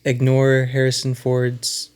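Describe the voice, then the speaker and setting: A young adult man co-hosting a podcast, giving measured, hedged thoughts on a movie. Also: mid-range voice, completely flat delivery, a little mellow, smooth. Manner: measured, hedging. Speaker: podcast co-host. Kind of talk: casual movie discussion.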